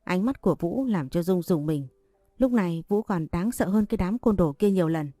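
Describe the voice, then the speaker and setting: A woman narrating a story in an audiobook with steady, even delivery. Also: on the low side, moderate pace, no echo, soft background music.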